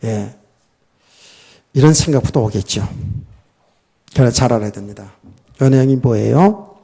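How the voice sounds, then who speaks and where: A man's voice: medium pitch, normal speed, creaky, dark tone, breathy edge. A middle-aged man preaching a sermon as pastor, often putting questions to the congregation.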